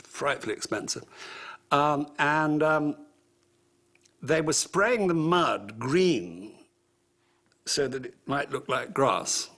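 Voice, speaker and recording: Role: wry actor. Style: reminiscing interview. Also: male voice, a little high, animated, takes it slowly, long pauses, fairly bright tone, a little hiss or hum. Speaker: actor recalling a film shoot.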